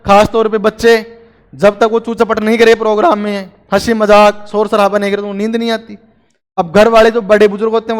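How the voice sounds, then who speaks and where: A man's voice: sits high, clean tone, big-room sound. A man teaching a grammar lesson to a class, chatty and joking with his students between explanations.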